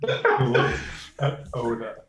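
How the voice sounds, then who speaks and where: A man's voice: medium pitch, fairly even intonation, takes it slowly, a bit bright. A man playing a tabletop game, talking bluntly and casually with some swearing. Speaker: player. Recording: echoey, dull lo-fi mic.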